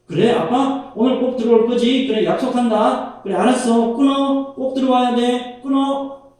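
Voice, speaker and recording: A man's voice: very high-pitched, fairly even intonation, moderate pace, a little mellow, pitched above the performer's own voice. A man voicing a young blind girl who eagerly begs her father to come home, in an echoey room far from the mic. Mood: eager pleading. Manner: eager, clingy, repeating herself.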